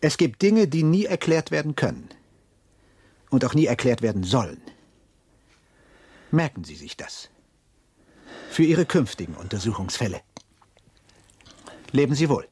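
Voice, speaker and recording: An actor playing a haughty, agitated French marquis in a radio drama, imperious and secretive in manner. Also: male voice, mid-range voice, sing-song, unhurried, pauses often, darkish tone, slightly rough, no room sound. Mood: haughty, cold.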